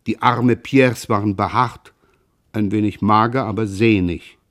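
A man giving a measured, expressive reading of a classic novel. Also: fairly low pitch. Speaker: reader. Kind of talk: literary reading.

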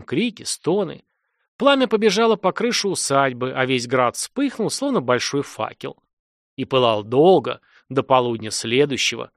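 A man reading a dark fantasy audiobook in a dramatic, swelling narration. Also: medium pitch, no echo, clean studio sound.

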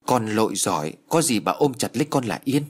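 A man's voice: fairly low pitch, big pitch swings. Man doing an eager young servant girl. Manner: eager, quick.

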